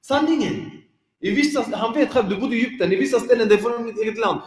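Animated male preacher in an echoey hall. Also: very high-pitched. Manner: lively, animated, acts out examples with laughs. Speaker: preacher giving a dawn reminder. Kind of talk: informal religious talk to a congregation. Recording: echoey hall with long reverb.

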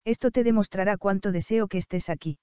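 A woman voicing a tender, anxious young male prince, dropping her voice low and speaking in a hushed, earnest way. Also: a little fast, clean tone, dry recording, muffled recording, lightly acted.

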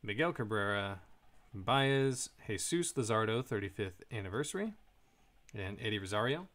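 A man's voice: lowish voice, animated, normal speed, fairly bright tone. A man hosting a casual live card break, reading out card names and chatting with viewers.

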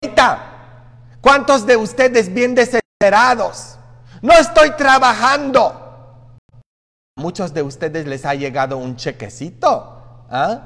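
A man, a priest, preaching a sermon in a conversational way, often tossing in quick asides to the congregation. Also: sits high, a bit bright, big-room sound. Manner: conversational preaching with frequent "¿ah?" asides and acted quotes. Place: church.

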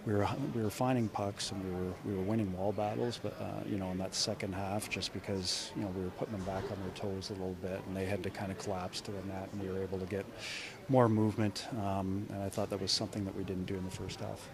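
A middle-aged man, a head coach, answering reporters after a game in a measured way, often restarting his sentences. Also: deep voice, little pitch movement, a crowd in the background. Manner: measured, frequent restarts and repeated words. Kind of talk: postgame press conference. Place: indoor media room before a sponsor backdrop. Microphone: cluster of handheld reporter mics.

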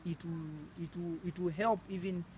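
An earnest man in his thirties answers interview questions out in a banana field. His voice sits on the high side, and he often repeats a word as he builds a point. Clear outdoor noise runs behind him. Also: fairly even intonation, moderate pace. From Zambia. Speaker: agricultural journalist.

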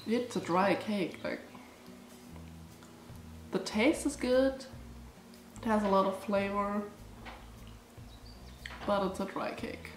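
A young woman from Germany vlogs about snacks as she tastes them, her nose stuffy from allergies, chatting and rambling with frequent "like" and "um." She speaks slowly at medium pitch, leaving long pauses. Recorded indoors in a small cottage room by a close front camera, the sound is reverberant with slight background noise.

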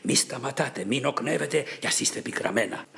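A man voicing an angry king who shouts and scolds from his chariot in an epic poem reading. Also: medium pitch, expressive, vocal fry, voice pushed up.

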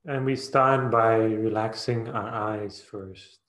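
The audio is dull and roomy, with a distinct echo, as a male meditation teacher with a fairly low voice guides a session. He speaks evenly and very slowly, in short, soothing phrases with long gaps between them.

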